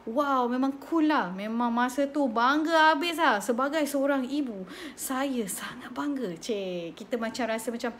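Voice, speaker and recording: A woman in her thirties with a Malaysian accent, hosting a parenting talk and telling stories in a chatty, animated way. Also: sits high, measured pace, few pauses, a little hiss or hum. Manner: chatty, code-switching, animated storytelling. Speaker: host of a parenting slot. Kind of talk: casual live chat, storytelling.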